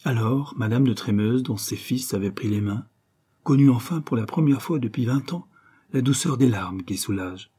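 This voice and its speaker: Man narrating an old novel, dark husky voice, steady. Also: medium pitch, normal speed. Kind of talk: audiobook narration.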